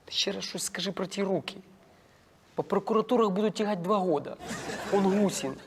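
A man playing a chatty, giggly middle-aged cleaning woman in a comedy sketch, in a shrill put-on female voice with mixed Ukrainian-Russian speech. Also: fairly quick, slightly rough. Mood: gossipy. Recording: echoey room with faint noise.

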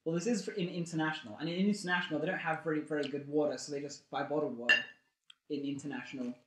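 A young man riffing on a bad movie with deadpan, absurd jokes. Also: fairly high pitch, rapid-fire, roomy sound, very noisy. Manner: jokey, deadpan absurd asides. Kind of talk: casual movie riffing commentary.

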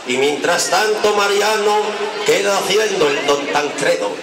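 A man from a Spanish festival stage, with a Spain accent, declaims satirical rhymes as a town crier. His voice is high and gravelly. It is picked up from far off, under very loud crowd noise. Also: measured pace. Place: outdoors at night, public festival stage. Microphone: far camera in the audience. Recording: distant outdoor amateur recording, echoey, loud crowd noise.

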